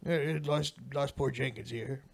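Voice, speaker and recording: A man's voice: mid-range voice, unhurried, vocal fry. A man chatting casually on a commentary track about a comedy series he made, rambling and laughing at himself. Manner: laughing, rambling, self-mocking. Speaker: co-creator commenting on his show.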